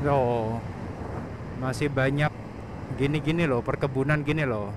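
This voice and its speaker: A man's voice: medium pitch, steady tone, unhurried. A young man on a motorcycle, chatting casually to the camera as he rides, laughing often and talking about himself in the third person. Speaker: motovlogger. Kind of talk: casual riding commentary. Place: on a motorcycle on an open road outdoors. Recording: faint wind and traffic noise.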